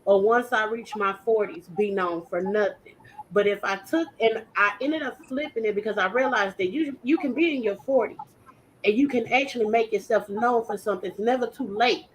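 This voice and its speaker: A woman in her early thirties hosting a casual panel chat, animated and laughing often. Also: mid-range voice, moderate pace, slight background noise, poor audio. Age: 30s. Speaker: host.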